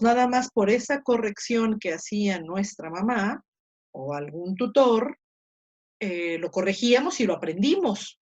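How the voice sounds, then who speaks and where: Slow woman teaching Latin accents. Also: medium pitch, darkish tone, lo-fi sound. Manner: slow, spells out Latin words syllable by syllable; corrects herself aloud while marking slides. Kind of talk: online class lesson.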